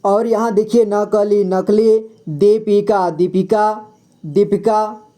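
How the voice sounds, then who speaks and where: Slow, patient man teaching reading. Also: sits high, fairly even intonation, mellow. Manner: patient, repeats each word several times for learners; asks and answers his own questions. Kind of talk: slow spelling-out reading lesson.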